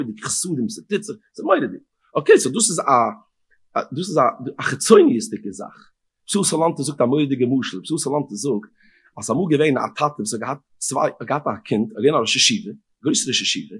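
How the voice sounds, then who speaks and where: A male rabbi giving a Torah lecture, chanting scripture verses in a rising sing-song and swinging from hushed murmurs to emphatic outbursts. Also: fairly high pitch, slightly rough.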